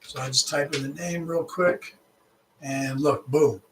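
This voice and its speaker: A man's voice: mid-range voice, fairly even intonation, measured pace, recorded from a distance, background noise. A man, a real estate agent chatting casually and making live calls, restarting his phrases and laughing easily. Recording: echoey room, voice off-mic.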